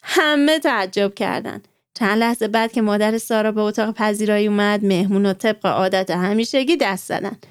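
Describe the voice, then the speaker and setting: A woman's voice: mid-range voice, clear, resonant tone, dry recording, studio quality. A woman narrating a children's story, turning to the young listeners with friendly questions. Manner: warm, addresses children directly with questions.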